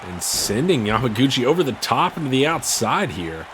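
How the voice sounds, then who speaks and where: Male wrestling commentator over clear background noise. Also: mid-range voice, sing-song, moderate pace. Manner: calls the action in short bursts.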